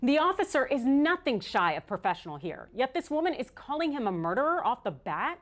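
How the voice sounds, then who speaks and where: Female American host for opinion news, slightly high voice, very animated intonation, emphatic and sardonic. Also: a little fast. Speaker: online news show host. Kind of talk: scripted opinion commentary.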